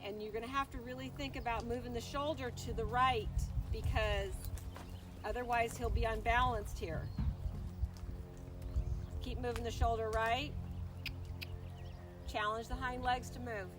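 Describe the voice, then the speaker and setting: High-voiced woman calling brisk riding commands. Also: steady tone, over music. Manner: brisk, projected riding commands with running encouragement. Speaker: horse riding instructor. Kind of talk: coaching a rider during a lesson, calling out short commands. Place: riding arena among horses. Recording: noisy, with hoof clip-clop and ambience.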